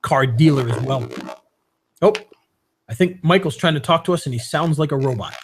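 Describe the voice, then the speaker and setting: A man hosting a live webinar, pitching a membership and answering viewer questions in a casual, upbeat way. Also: slight background noise. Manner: casual, upbeat, with fillers and quick jokes. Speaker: webinar host.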